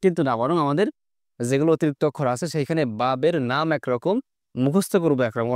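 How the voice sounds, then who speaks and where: A man's voice: a little high, darkish tone, dry recording, studio quality. A man teaching an online class, explaining step by step and keeping his students engaged with constant questions.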